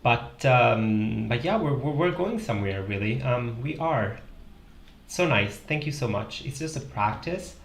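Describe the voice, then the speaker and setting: With an Italian accent, this young Italian livestream host talks to viewers while drawing, thinking out loud with plenty of fillers. His mid-range voice is animated but a little slow, with a little hiss or hum. He's on a headset in a small indoor room, and the audio is echoey with faint music.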